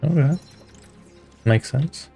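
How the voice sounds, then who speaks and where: A young male streamer with a mellow, gravelly voice comments casually on a game. He sounds laid-back and amused, with faint music behind him. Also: a little high, takes it slowly. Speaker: game streamer reacting to a playthrough.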